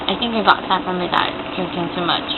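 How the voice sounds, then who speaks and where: A woman's voice: lowish voice, fairly even intonation, fairly quick. A young woman telling personal stories to her viewers in a casual, rambling, self-correcting way. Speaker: vlogger. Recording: tinny phone-like audio, loud engine-like hum.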